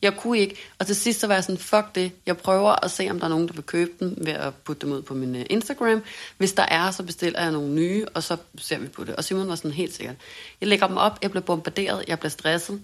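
A woman co-hosting a podcast, telling a story in a lively, self-mocking way and acting out what people said. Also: lowish voice. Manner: animated, self-mocking storytelling with quoted dialogue. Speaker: podcast co-host. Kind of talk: casual storytelling chat.

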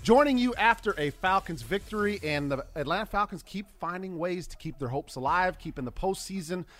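A man's voice: high voice, animated, a bit bright. Upbeat American man hosting a podcast. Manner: upbeat, teasing, quick to laugh. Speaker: podcast host. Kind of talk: casual sports podcast chat.

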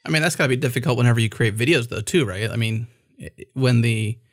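A man's voice: mid-range voice, quick pace, no echo, clean studio sound. A man hosting a podcast, asking rambling, conversational questions in a casual interview. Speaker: podcast host.

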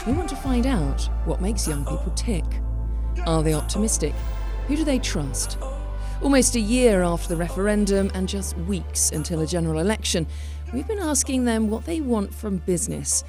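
A woman's voice: medium pitch, sing-song, normal speed, mellow. A woman hosting a podcast, reading a scripted introduction to the episode. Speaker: podcast host. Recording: music bed under voice.

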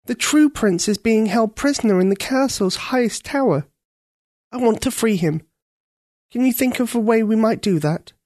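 A man's voice: high-pitched, lively intonation, moderate pace, a little mellow, no room sound, studio quality, voice pushed up. Katia, a man doing an earnest young girl. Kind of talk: storybook read-aloud.

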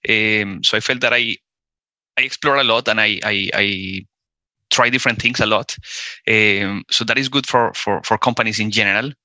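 A man's voice: lowish voice, steady tone, moderate pace, pushed and bright, dry recording. A man in his forties from Colombia with a Colombian Spanish accent, a Spanish native speaker talking as a guest in an interview, hesitant, with many fillers and restarts. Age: 40s. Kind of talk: casual interview conversation.

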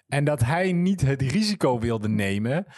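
A man's voice: medium pitch, very animated, measured pace, darkish tone, no echo, studio quality. A man co-hosting a casual motorsport chat, thoughtful and hesitant, with many ehms. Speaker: podcast co-host.

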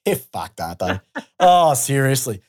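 A woman's voice: very deep voice, sing-song, a little slow, darkish tone. A woman with an Australian accent co-hosting a casual sports podcast, ranting and swearing freely. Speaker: podcast co-host.

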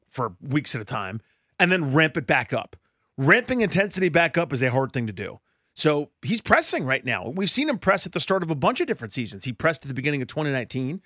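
A man of middle pitch co-hosts a sports podcast. He gives long, rambling analysis full of fillers and restarts, and the sound is dry and close. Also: bright, forceful tone, dry recording. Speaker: podcast co-host.

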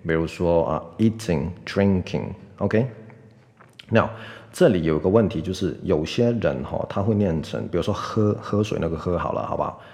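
A man teaching English pronunciation on a podcast, patiently repeating words slowly and checking in with "OK". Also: deep voice, darkish tone, in a large hall.

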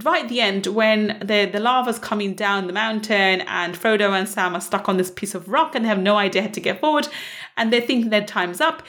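A woman with a croaky, slightly hoarse voice, hosting a motivational podcast in an earnest, emphatic way and repeating key phrases. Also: fairly high pitch, fairly bright tone. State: croaky voice, not as clear as usual. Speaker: podcast host and mindset mentor.

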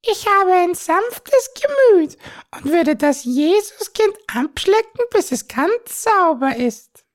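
A gentle, sweet-natured house cat speaks in a very high meowing singsong. Her voice swoops up and down as she purrs along slowly. It sounds like a storybook animal read aloud for children. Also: sing-song, exaggerated voice.

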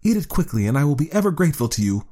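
A man voicing a busy, proud woman of the cave in a storybook reading, raising his pitch for her. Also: animated, a little fast, creaky, warm tone, husky. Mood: stern.

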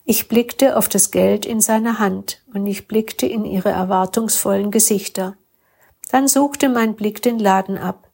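A woman reading a first-person story aloud with calm, steady narration. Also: mid-range voice, a little slow, vocal fry, breathy edge. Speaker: story reader.

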